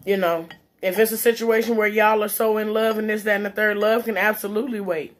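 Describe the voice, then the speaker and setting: An adult woman and parent, a vlogger sharing relationship and parenting opinions, chats casually as if to viewers over a meal, her mouth sometimes full. Her mid-pitched voice is steady and brisk. She's blunt and opinionated, leaning hard on her points and swearing freely in this chit-chat monologue.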